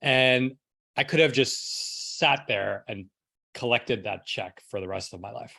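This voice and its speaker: With vocal fry, a slightly rough, sharp tone and a medium pitch, a middle-aged man from New York City recounts his story a little slowly as a podcast guest. It's conversational, full of "like" and rhetorical "right?"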